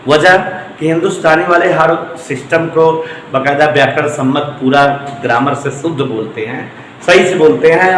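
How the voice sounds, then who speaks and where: Male physics teacher, slightly high voice, emphatic and repetitive with joking asides, echoey room with a long reverb tail. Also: fairly bright tone, a little hiss or hum. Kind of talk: classroom lecture.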